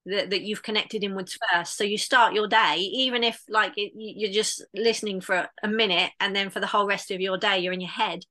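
A woman's voice: mid-range voice, steady tone, a little fast, hardly any pauses, pushed and bright. A woman in casual conversation, talking in an earnest, reflective way with many restarts. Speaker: podcast guest.

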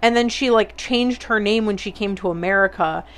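A woman's voice: mid-range voice, normal speed. A young woman hosting a podcast in casual chat, laughing often and swearing freely. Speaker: podcast host.

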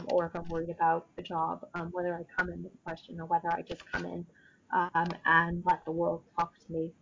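A woman speaking as an interview guest, explaining her own practice casually in halting, thoughtful phrases. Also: fairly low pitch, creaky, highs cut off, slight background noise.

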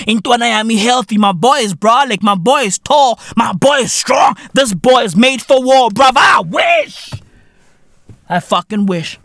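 Man, podcast host, rambling profane rant, animated pitch, dry room. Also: no room sound. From South Africa. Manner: loud, rambling, laughing, heavy slang. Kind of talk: profane comedic monologue.

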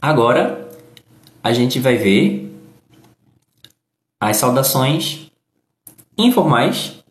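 A man's voice: medium pitch, big pitch swings, extremely slow. A man with a Brazilian accent teaching English phrases and pronunciation in a live online lesson, explaining patiently step by step. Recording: echoey room.

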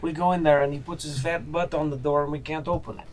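A man's voice: fairly high pitch, steady tone, quick pace. A man chatting and joking casually as a player in a tabletop role-playing game.

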